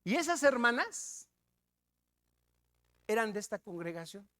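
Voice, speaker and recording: A man with a Mexican accent preaching a sermon, telling a story with loud emphasis and hushed asides. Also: sits high, big pitch swings, unhurried.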